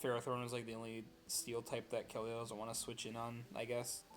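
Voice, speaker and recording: A man's voice: mid-range voice, completely flat delivery, a little fast, faint music behind. A tired young man hosting a casual chat about league rankings, rambling with many fillers and self-deprecating asides. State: tired, losing his voice. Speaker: host of draft league power rankings.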